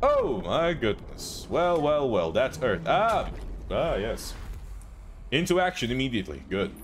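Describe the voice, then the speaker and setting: A man hosting a let's play, commenting on his gameplay in an excitable, profane way with laughs and yelps. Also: mid-range voice, measured pace, slight background noise. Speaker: gaming channel host.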